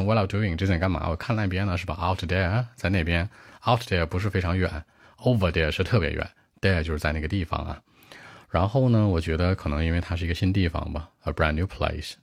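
A Chinese man teaching English, switching between Mandarin and English as he unpacks words and phrases. His voice sits very low and deep. The sound is dry and close, with no room echo. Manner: explains vocabulary at length with asides and rhetorical checks. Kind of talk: IELTS speaking lesson, mixing Chinese and English.

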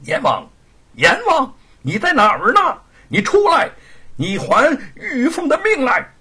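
A brash male Monkey King storms in a storybook, as a man acts him out, yelling high and strained. The voice is husky and breathy, and it swoops wildly up and down. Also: wildly swooping pitch, a little slow, exaggerated voice. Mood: furious.

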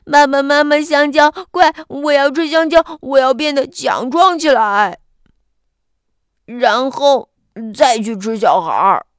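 Storybook crocodile boy, stubborn and sulky, a bit lower than her own voice, dry close sound, read by a woman. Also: expressive, normal speed, vocal fry, hardly any pauses, no room sound. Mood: loud, desperate. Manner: sulky, insistent. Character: stubborn little boy crocodile, wants to eat a child.

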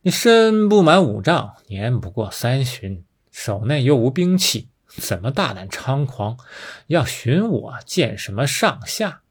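A man's voice: mid-range voice, very animated, a little slow, husky, exaggerated voice. A man voicing a huge, fierce male demon king who speaks with arrogant scorn. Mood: scornful.

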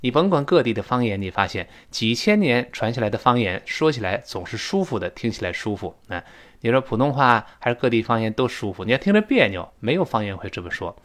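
Lively Chinese English teacher, man. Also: mid-range voice. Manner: lively, demonstrates pronunciation with drawn-out sounds. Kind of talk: spoken English lesson podcast.

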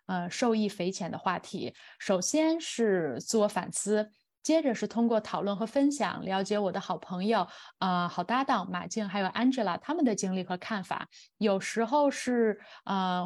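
Thoughtful woman podcast host, measured and reflective. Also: medium pitch, darkish tone. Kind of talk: reflective personal talk in a podcast.

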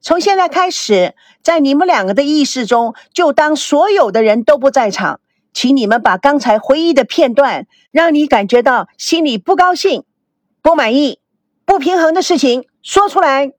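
A woman doing a brisk, bright workshop trainer. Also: sits high, lively intonation, dry recording. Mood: instructing. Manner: commanding, coaxing.

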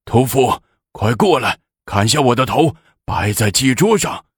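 A man's voice: mid-range voice, lively intonation, measured pace, slightly rough, no room sound, studio quality, pitched above the performer's own voice. A man voicing an overwrought, loyal male court official in a pleading, wailing delivery. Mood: fervent.

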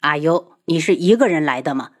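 A woman voicing a warm, eager young crown prince in an audiobook, slightly lowered. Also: lively intonation, fairly quick.

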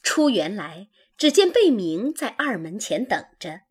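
A woman narrating a classical novel in a measured, expressive way. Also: mid-range voice, breathy edge. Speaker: audiobook narrator.

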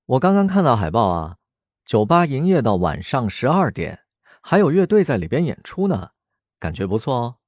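A man's voice: mid-range voice, very animated, moderate pace, a little mellow, no room sound, clean studio sound, pitched above the performer's own voice. A man playing a flustered young woman. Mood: excited. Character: excitable young woman café owner, flustered.

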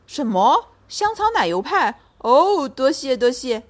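A woman's voice: high voice, very animated, a little slow, voice pushed up, heavily acted. Woman doing a sly half-deaf old bear. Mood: dotty.

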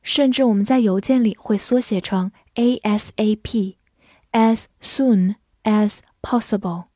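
A woman teaching English vocabulary, who spells out words and reads example sentences slowly for learners to repeat. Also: mid-range voice, warm tone, dry recording, clean studio sound. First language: Chinese. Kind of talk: vocabulary lesson narration.

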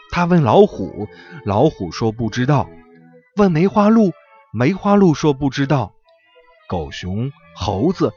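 A man narrating a bedtime story for children in a gentle, expressive, lively way. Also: mid-range voice. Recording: muffled recording with soft background music.

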